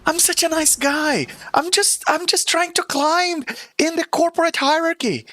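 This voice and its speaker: Guy doing a flustered loser wizard villain for an rpg, whiny high voice, keeps repeating himself. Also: unhurried, sharp tone, no echo, full character voice. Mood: self-pitying. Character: hapless, whining male villain spellcaster, exasperated underling.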